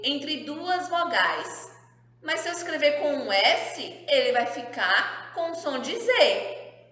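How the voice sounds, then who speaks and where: A woman teaching small children in a clear, bright voice. She speaks slowly and sounds out each syllable. The recording is very echoey, with a long reverb. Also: high voice, a little hiss or hum. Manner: slow, sounds out syllables, drawn-out stressed words. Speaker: kindergarten teacher. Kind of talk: recorded remote lesson for young children. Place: classroom with whiteboard.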